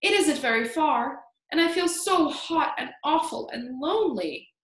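Woman voicing miserable small boy, storybook child, plaintive halting pleas, very high voice, roomy recording. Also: expressive. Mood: pleading, miserable.

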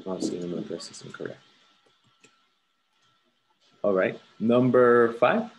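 A man's voice: medium pitch, slow, low-quality recording. A man tutoring a student one-on-one for a grammar exam, patiently repeating words to correct pronunciation. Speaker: English tutor. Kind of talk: one-on-one TOEFL grammar lesson.

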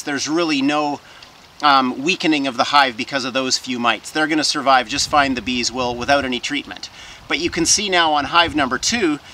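A beekeeping vlogger in his forties explains things step by step while working outdoors in a garden beside his beehives, in a casual how-to style. His voice is a little high and bright, with a forceful tone. The low-quality recording has slight background noise.

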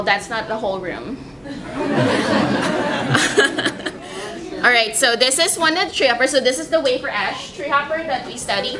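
A young woman researcher giving a casual public science talk, with lots of fillers and restarts. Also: high voice. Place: library meeting room. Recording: echoey room with background noise.

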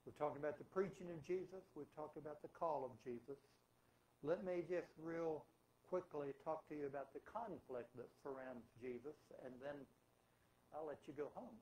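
High-voiced preaching man. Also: normal speed, darkish tone, slight background noise, low-quality recording. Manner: emphatic preaching with rhetorical questions. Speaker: pastor. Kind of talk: sermon. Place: church sanctuary.

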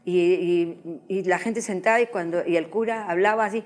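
A middle-aged woman giving her personal testimony in an interview, speaking haltingly with restarts as she recalls her past. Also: fairly low pitch, darkish tone. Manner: halting, restarts, emotional recollection.

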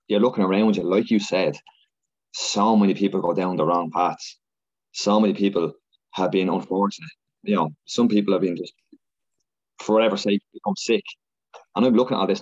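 An Irish man, a podcast guest, talking fast and animated in a casual interview chat. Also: deep voice, highs cut off. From Ireland.

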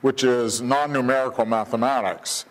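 A man's voice: medium pitch, fairly even intonation, moderate pace. Older man lecturing at a podium. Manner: thoughtful, many ums and uhs. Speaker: keynote speaker. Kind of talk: academic lecture. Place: hotel conference hall. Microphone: podium mic.

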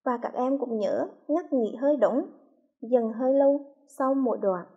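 A woman from Hue with a Vietnamese accent, a primary school teacher reading a lesson slowly and clearly to young children. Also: sits high, lo-fi sound. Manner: slow, clearly articulated, patient.

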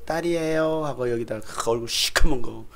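Animated male pastor telling a story. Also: mid-range voice, moderate pace, very noisy. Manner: animated, acts out voices with shouts and laughter. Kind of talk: sermon with storytelling. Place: church sanctuary.

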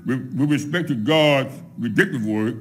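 A middle-aged man preaching a sermon from a pulpit, laying out his points one by one in a measured way. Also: medium pitch, a little hiss or hum. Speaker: pastor. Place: church sanctuary at a pulpit, empty pews behind. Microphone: microphone on a pulpit stand.

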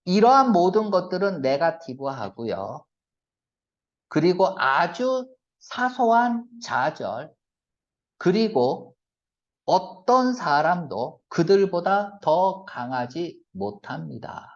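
Man, exam-prep lecture, brisk teacher, rhetorical questions, very expressive pitch. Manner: brisk, fires rhetorical check-questions at students; switches between polite and blunt casual speech. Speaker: English reading teacher. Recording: lo-fi lecture recording.

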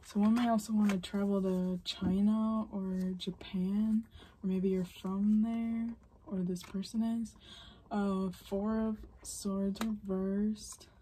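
Slow, soft-spoken woman reading tarot. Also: mid-range voice, flat delivery, a little hiss or hum. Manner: soft-spoken, often drifting into whispers; musing, unhurried. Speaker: tarot reader. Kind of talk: pick-a-card tarot reading.

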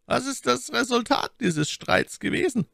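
A man's voice: very high-pitched, animated, moderate pace, gravelly, a bit bright, no echo, studio quality, pitched above the performer's own voice, exaggerated voice. A man voicing a commanding, cunning male cardinal with a ringing, imperious tone, in a storybook reading.

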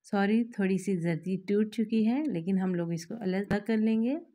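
A woman host, calmly explaining a recipe step by step to her viewers in a voice-over. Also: medium pitch, normal speed. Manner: calm, instructive, addresses viewers directly. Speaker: cooking channel host.

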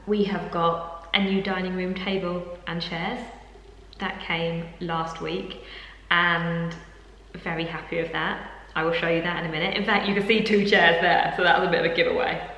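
A woman's voice: fairly low pitch, a bit bright. A young British woman chatting in a rambling vlog style with many fillers, recorded in a sparsely furnished room at home that rings with a big hall-like echo. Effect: big echoing room, long hall-like reverb. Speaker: vlogger. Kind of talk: casual vlog chat. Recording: echoey hall-like room, faint hum.

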